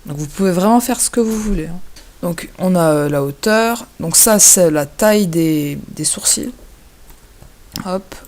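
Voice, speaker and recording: A man giving a casual, hesitant software tutorial over a screen recording, filling his pauses with little interjections. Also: sits high. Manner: hesitant, chatty, fills pauses with "hop" and "voilà".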